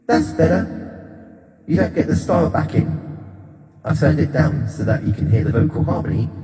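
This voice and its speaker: A man testing words through a microphone with harmony and vocoder effects, speaking slowly. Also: a little high, animated, mellow. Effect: keyboard vocal harmony and vocoder effects. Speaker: keyboard tutorial host. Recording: reverb-heavy mic through keyboard.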